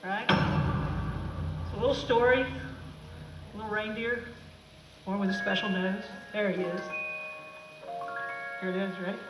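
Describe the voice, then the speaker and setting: A woman teacher giving a sarcastic, animated comic talk to students about a film. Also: mid-range voice, measured pace, long pauses, music in the background. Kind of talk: comic classroom talk over film clips. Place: classroom. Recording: echoey room, mic far off.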